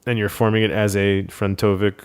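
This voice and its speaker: A man co-hosting a podcast, chatting casually and analytically about a tabletop game, with frequent "uh" pauses. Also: lowish voice, flat delivery, clear, resonant tone. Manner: enthusiastic, analytical, many "uh" pauses. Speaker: podcast co-host.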